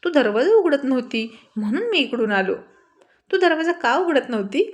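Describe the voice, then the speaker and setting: A woman's voice: high voice, very animated, a little fast. A woman voicing a flustered young man who stammers and pleads in a spoken storybook.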